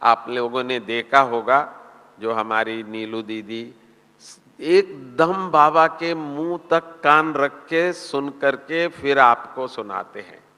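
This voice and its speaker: Slow-speaking man preaching in an echoing hall. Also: mid-range voice, sharp tone, smooth. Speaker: spiritual teacher. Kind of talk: spiritual discourse. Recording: long reverb of a hall.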